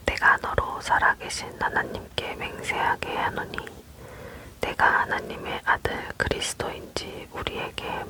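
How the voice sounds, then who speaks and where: A person leaning in to whisper close to the mic, reading scripture as scripted ASMR narration in a fully unvoiced voice. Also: sharp tone. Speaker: reader of scripture. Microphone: close microphone.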